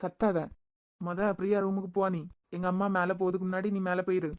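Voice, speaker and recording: Woman voicing a calm young man, Kanyakumari Tamil accent, low voice, quick talk. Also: natural voice. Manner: calm, directing others.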